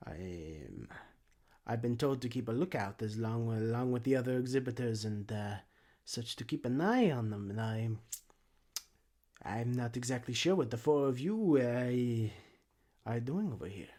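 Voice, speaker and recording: A man's voice: medium pitch, lively intonation, measured pace, warm tone, voice pushed down. A man voicing a fussy, nosy old male gnome exhibitor who speaks hesitantly. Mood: suspicious.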